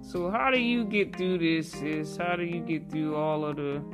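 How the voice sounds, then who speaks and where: A woman's voice: deep voice, moderate pace. A woman hosting a casual conversational interview in a folksy, earnest way, her voice slightly muffled by a face mask. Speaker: host. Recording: music playing behind the voice. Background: guitar music.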